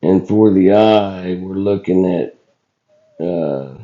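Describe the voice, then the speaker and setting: A recovering, hoarse man hosts a video channel and chats casually over footage. His low-pitched voice is mellow yet rough and scratchy, and his speech is folksy, colloquial and halting. Sound quality is dull and lo-fi.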